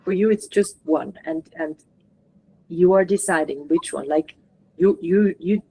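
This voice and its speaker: A woman channeler guiding a participant through a session, talking gently and coaching, often filling in with "like". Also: lowish voice, unhurried, vocal fry, husky, rough recording.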